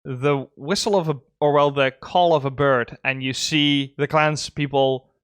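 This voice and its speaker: Male GM, casual tabletop narration, clear tone with a dry close sound. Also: a little high, unhurried, no room sound. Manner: relaxed, laughing often, filler-heavy narration. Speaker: game master. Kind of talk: running a tabletop game session.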